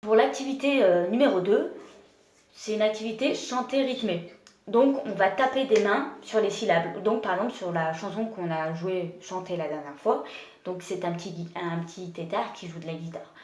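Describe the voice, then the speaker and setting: A woman leading an early-childhood music lesson for parents and children, explaining slowly and gently with many pauses and fillers. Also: medium pitch. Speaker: music teacher. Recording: roomy room with faint noise.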